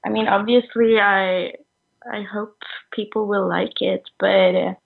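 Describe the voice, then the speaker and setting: A woman in her twenties from Sweden, a musician answering interview questions over the phone in a halting way, full of fillers and trailing off. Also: mid-range voice, steady tone, vocal fry. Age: 20s. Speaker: musician guest. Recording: tinny phone line.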